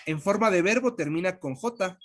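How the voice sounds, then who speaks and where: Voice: medium pitch, expressive, normal speed. A language teacher giving an online lesson, patiently repeating and spelling out sounds.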